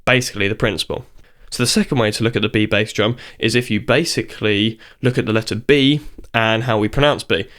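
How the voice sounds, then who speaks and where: A man's voice: fairly low pitch, fairly even intonation, fairly quick, fairly bright tone. A man giving a casual video tutorial on beatboxing. He talks in a chatty, informal way and stops to demonstrate the sounds. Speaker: beatbox teacher.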